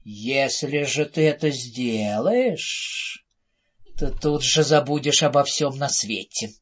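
A man's voice: medium pitch, slightly rough, voice pushed down. Hissing wicked fairy, as a man puts her on. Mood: sly, sugary. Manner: hissing, slow and drawn out. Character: wicked sweet-voiced female fairy, cold-blooded. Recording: dull lo-fi audiobook recording.

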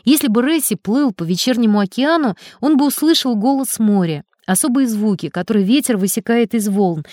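A woman's voice: medium pitch, warm tone, no echo, studio quality. Woman narrating a children's adventure. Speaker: audiobook narrator. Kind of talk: reading a children's adventure story aloud.

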